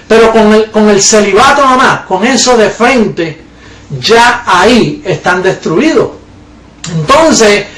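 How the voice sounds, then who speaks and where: A man's voice: high voice, fairly bright tone, reverberant, recorded from a distance. A man preaching a sermon in an emphatic, mocking way, often calling his listeners "blessed". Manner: mocking, emphatic, repeatedly addresses listeners as "bendecido".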